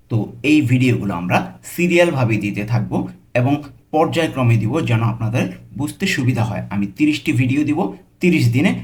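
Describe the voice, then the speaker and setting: A young man teaches a beginner language lesson at an unhurried pace. He says each new word more than once and slows down to spell it out for the learner. His voice sits at an ordinary middle pitch. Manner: patient and repetitive, slowing down to spell out foreign words.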